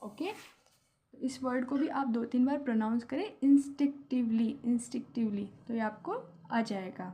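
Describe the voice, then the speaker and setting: High-voiced, mellow Indian woman teacher. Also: lively intonation. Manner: patient, explains each word slowly with examples. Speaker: English teacher. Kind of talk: vocabulary lesson in Hindi.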